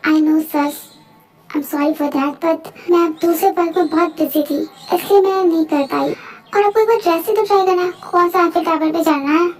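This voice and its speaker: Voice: extremely high pitch, normal speed, soft background music. A dubber voicing a spirited young woman wedding planner in a fan dub, mixing English phrases into Hindi. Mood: pleading.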